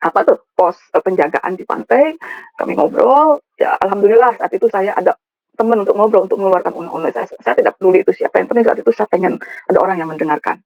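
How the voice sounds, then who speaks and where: A woman's voice: medium pitch, fast talker, creaky, no echo. Woman giving an emotional church testimony. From West Java (Sundanese). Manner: emotional, often addresses the listeners directly. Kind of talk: personal testimony to a congregation. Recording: dull, dry recording.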